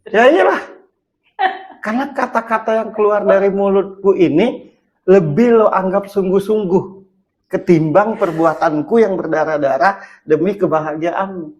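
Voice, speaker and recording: A man hosting a casual talk about marriage, thinking aloud and acting out examples, his voice swinging from loud to hushed. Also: high voice, normal speed, dull audio. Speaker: host.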